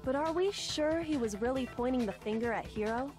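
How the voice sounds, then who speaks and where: A woman's voice: high voice, animated, fairly quick, over music. A woman voicing a cool, analytical teenage girl detective in an anime game, composed and probing.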